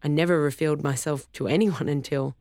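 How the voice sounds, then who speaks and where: A narrator voicing a gentle young merman in a soft, calm way, in a dry recording. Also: medium pitch, brisk, dry recording, close to an everyday voice.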